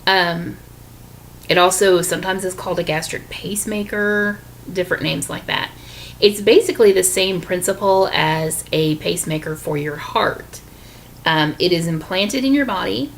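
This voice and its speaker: A woman with a lowish, gravelly voice tells her own story to camera, candid and unpolished, pausing often to restart her sentences. A faint hiss sits under her voice. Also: low-quality recording. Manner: candid, with frequent ums and restarts. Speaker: vlogger sharing her illness story.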